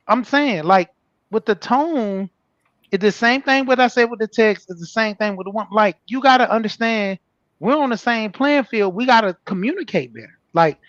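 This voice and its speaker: A man with a high voice and features tells relaxed stories on a podcast panel, acting out text messages as he goes. The recording sounds dry and slightly dull. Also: no room sound. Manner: relaxed storytelling, acts out text exchanges. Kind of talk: casual panel chat.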